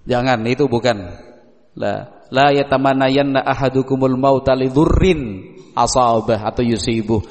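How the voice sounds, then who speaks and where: A man's voice: mid-range voice, normal speed, darkish tone. A man preaching in a casual question-and-answer style, who acts out little dialogues between parents and children and asks his listeners rhetorical questions. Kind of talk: casual religious Q&A lecture. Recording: long hall reverb.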